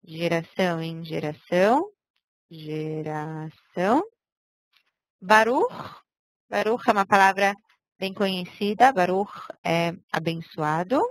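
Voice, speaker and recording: Slow, patient woman teaching a lesson. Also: fairly low pitch, no echo, rough recording. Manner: patient, explains step by step with frequent "ok?". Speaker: Hebrew teacher. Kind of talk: online language lesson.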